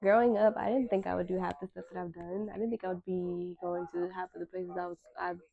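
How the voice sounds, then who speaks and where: A woman's voice: fairly low pitch, level tone, quick pace, vocal fry, narrow, tinny audio. A woman in her twenties hosting a casual solo talk, candid and slangy, with emphatic repetition. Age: 20s. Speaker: podcast host.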